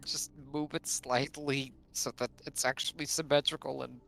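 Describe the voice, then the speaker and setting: A man's voice: mid-range voice, little pitch movement, moderate pace, creaky, fairly bright tone, soft background music. A man chatting casually as a friend on a game stream, teasing and joking with mock outrage. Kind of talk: casual chat.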